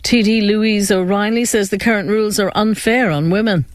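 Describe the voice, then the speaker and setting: A man's voice: high-pitched, normal speed, dry recording, studio quality. An Irish man reading a scripted radio news bulletin. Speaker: radio newsreader.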